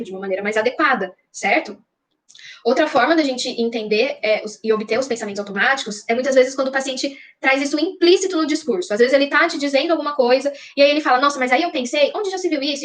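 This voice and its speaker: A woman's voice: fairly high pitch, a bit bright. A woman with a Brazilian Portuguese accent, a psychologist giving an explanatory online lecture with frequent check-ins to her listeners. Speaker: psychologist teaching a class.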